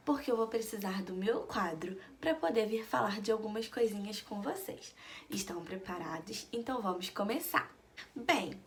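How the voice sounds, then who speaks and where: A woman teaching a reading lesson to young children in a slow, sing-song teacher voice, asking questions and answering them herself. She speaks Brazilian Portuguese. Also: medium pitch, gravelly, a bit bright.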